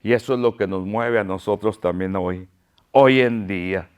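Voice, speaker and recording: A man's voice: on the low side, moderate pace, clear, resonant tone. A male pastor preaching a sermon, fervent and pleading, repeating his phrases.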